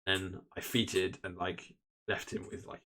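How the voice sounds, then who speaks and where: A man's voice: sits low, flat delivery, a little slow, bright, forceful tone, a little hiss or hum. A man hosting and commentating a live tabletop game stream in a casual, chatty way, with lots of fillers and restarts. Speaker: host and commentator.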